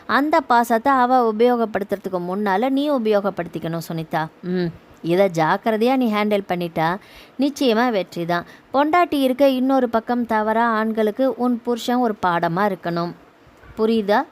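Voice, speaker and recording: A woman's voice: on the high side, moderate pace, lightly acted. A woman narrator voicing a scheming older male relative who coaches his kinswoman in a persuasive, lecturing way. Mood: urging. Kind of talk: audio novel reading.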